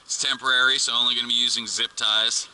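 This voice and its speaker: Heard over clicky, noisy amateur camera audio, a DIY car channel host explains a hands-on job in an offhand how-to style with bits of crude slang. His medium-pitched voice is level in tone yet bright and forceful, moving at a quick pace.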